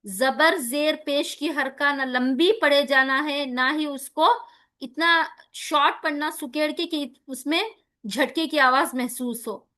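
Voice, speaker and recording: A woman teaching a recitation lesson, spelling out letters slowly and carefully between quick explanations. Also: high voice, sharp tone.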